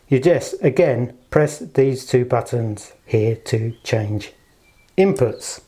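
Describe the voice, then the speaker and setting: Speaking to a camera he holds in one hand, an audio shop's product presenter demonstrates an item in a relaxed, chatty way. His slightly husky, mellow voice moves around lively at a middle pitch, and he stays polite, leaning on understated superlatives.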